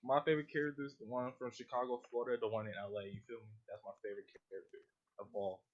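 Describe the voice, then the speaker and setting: A man's voice: medium pitch, little pitch movement, racing, highs cut off. A man in a casual podcast chat, playful and teasing, talking in slang. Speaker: podcast guest.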